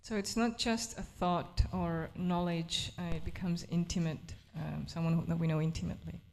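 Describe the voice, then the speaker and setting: A woman interpreting a sermon live, phrase by phrase, in a measured way with brief hesitations. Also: on the low side, steady tone, darkish tone.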